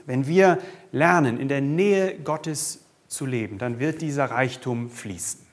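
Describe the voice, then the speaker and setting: A man's voice: medium pitch, a little slow. A man preaching a sermon as pastor, speaking directly to the congregation with rhetorical questions and the occasional hesitant "uh".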